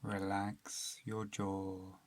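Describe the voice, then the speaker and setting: A man whose voice sits low guides a meditation in an unhurried, calm, soothing way, with long pauses separating his phrases.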